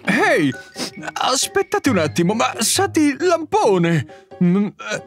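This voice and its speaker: A silly, easily startled man who shrieks at everything. The voice is high and swoops widely, at a slow, deliberate pace. Music plays clearly behind. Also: very animated. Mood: puzzled. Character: excitable grown man who screams at everything. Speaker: children's show host. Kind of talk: children's show dialogue.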